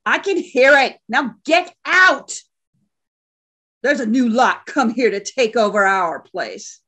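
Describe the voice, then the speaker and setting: A woman's voice: fairly high pitch, lively intonation, takes it slowly, pushed and bright, exaggerated voice. A woman playing a brutal male convict who leads his tribe, bullying and barking orders.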